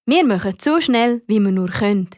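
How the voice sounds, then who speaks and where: A woman voicing a calm, kind female fire dispatcher who speaks reassuringly, with a Swiss German accent. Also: medium pitch, normal speed, dry recording, studio quality, close to an everyday voice.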